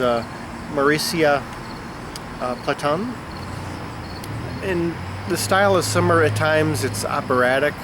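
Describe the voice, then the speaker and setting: Outdoors on a summer afternoon, amid insect and traffic sounds, a stuffed-up record-collecting vlogger from the Chicago area chats to camera about music. His medium-pitched voice is congested, and his unscripted talk wanders with many fillers.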